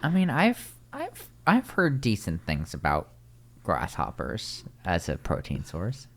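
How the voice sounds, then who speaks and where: Casual male podcast host, animated swinging pitch, rambling delivery. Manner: rambling, quick asides and many restarts.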